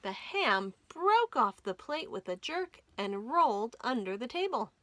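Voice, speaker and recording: A woman reading a children's story aloud as a storytime host, with dramatic, expressive delivery. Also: a little high, a little slow, dry recording. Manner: dramatic, animated storytelling with whispers and emphasis. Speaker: library storytime reader.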